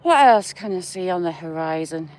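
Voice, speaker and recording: A woman's voice: fairly low pitch, animated, moderate pace, a little mellow. A woman with a northern English accent, chatting to her viewers by name while walking outdoors in the countryside. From England. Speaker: vlogger. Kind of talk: casual live-chat walk vlog.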